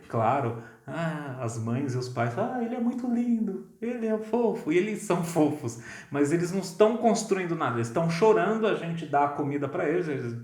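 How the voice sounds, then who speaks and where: A man with a Brazilian Portuguese accent preaching a sermon as pastor, talking in a conversational, lively way and often asking "né?". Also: on the high side. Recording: roomy echo.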